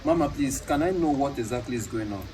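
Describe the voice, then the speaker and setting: A man's voice: medium pitch, expressive, quick pace, a little mellow, far from the mic, a little hiss or hum. A man with a Nigerian accent hosting a vlog with casual talk and questions, polite and deferential. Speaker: vlog host.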